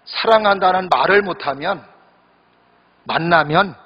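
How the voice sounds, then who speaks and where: A man's voice: sits high, measured pace, slightly rough. A male pastor preaching a sermon in a church during a worship service, talking conversationally, joking and speaking straight to the congregation. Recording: echoey hall, dull lo-fi sound.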